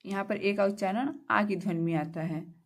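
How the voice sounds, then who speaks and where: A woman's voice: medium pitch, moderate pace. A woman teaching English pronunciation in a classroom lesson, spelling words letter by letter, repeating meanings and answering her own questions.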